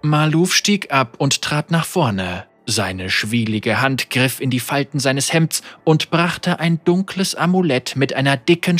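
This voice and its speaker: A man reading a dark fantasy story aloud as a measured audiobook narration. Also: mid-range voice, no room sound.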